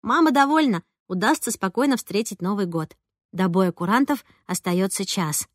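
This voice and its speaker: A woman narrating a first-person audiobook in a lively, conversational way. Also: medium pitch, normal speed, no echo, clean studio sound. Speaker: audiobook reader.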